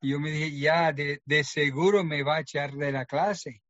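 Man telling a story, higher voice. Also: fairly even intonation, normal speed, a bit bright, dry recording, highs cut off. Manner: earnest storytelling, acting out quoted dialogue. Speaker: testimony speaker. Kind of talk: personal testimony.

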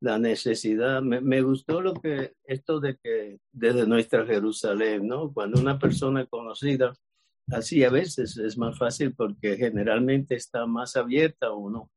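A man's voice: mid-range voice, unhurried, slightly rough. A man from Cuba, casually sharing a testimony with a church group and acting out the dialogue as he retells it. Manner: lively retelling, acts out quoted dialogue.

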